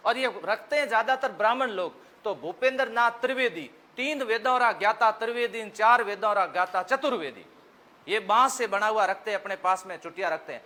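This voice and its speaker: A man's voice: high-pitched, fairly quick, pushed and bright. A man with a Rajasthani accent teaching a history lesson for exam students in a folksy, joking way, asking questions and answering them himself.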